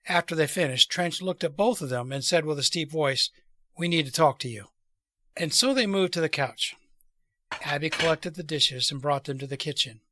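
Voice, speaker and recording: A male storyteller reads scripted tales with a lilting, theatrical flow. His voice is bright and clear-cut, sitting slightly above the usual male pitch. The sound is very dry, with hardly any room in it. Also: no echo. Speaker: storyteller and host. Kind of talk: scripted storytelling narration, reading aloud.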